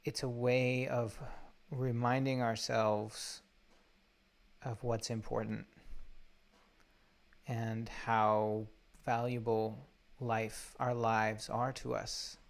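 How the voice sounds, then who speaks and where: A man leading a guided meditation from a laptop or phone while traveling, talking haltingly with many fillers and restarts. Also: mid-range voice, little pitch movement, creaky. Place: undisclosed spot while traveling. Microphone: laptop or phone mic.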